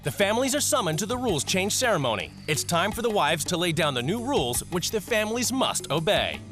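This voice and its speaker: A reality show narrator with a lively, swooping delivery, building drama in a teasing voice-over. Clear background music runs under every line. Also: mid-range voice, a little fast.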